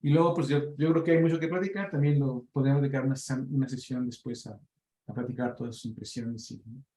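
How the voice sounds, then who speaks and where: Man chairing a meeting, mellow voice, echoey room, patient explainer. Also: medium pitch, fairly even intonation, fast. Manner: explanatory, uses fillers like "este".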